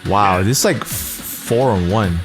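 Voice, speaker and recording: A man's voice: lowish voice, a little slow, music in the background. A man hosting a casual let's play, commenting on the game in a slangy, profane way. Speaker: gaming video host. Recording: noisy game sound behind.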